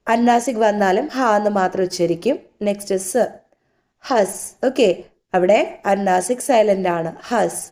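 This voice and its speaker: A woman with a Malayali accent teaching Hindi reading, sounding out each syllable slowly and repeating it. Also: fairly high pitch, warm tone. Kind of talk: slow spoken reading lesson.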